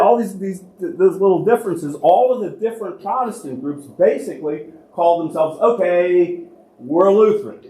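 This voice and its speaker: Addressing a congregation, an American man who works as a church archivist shares local history in a laid-back, conversational lecture. He habitually poses a question and then answers it, his voice sitting a bit high for a man. The recording has the roomy reverberation of a large church hall.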